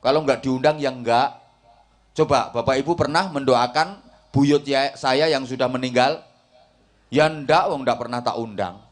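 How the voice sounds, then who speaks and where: An unhurried, medium-pitched male voice belongs to a middle-aged Islamic preacher from a Javanese background, who teases a village congregation during his humorous sermon.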